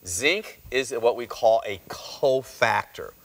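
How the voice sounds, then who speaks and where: A man hosting a health talk show as a chiropractor, speaking emphatically and slowing down to stress his points. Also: mid-range voice, animated, vocal fry, fairly bright tone.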